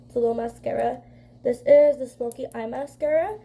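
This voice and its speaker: A young beauty vlogger, congested from a cold, chats casually through a makeup vlog in a stuffy voice. Her voice is high-pitched, gravelly and dark in tone, fairly quick, and she rambles with constant fillers.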